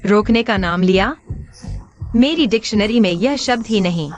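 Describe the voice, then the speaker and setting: A woman's voice: medium pitch, expressive, a little slow, faint music behind, natural voice. A woman dubbing a scheming middle-aged mother who speaks in a commanding, mocking way. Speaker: mother of grown sons. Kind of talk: dubbed drama acting.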